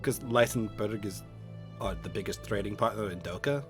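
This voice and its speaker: A man's voice: on the low side, music in the background. A man narrating as game master of a streamed tabletop game, chatty and self-deprecating. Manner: chatty, self-deprecating, quick to laugh at himself.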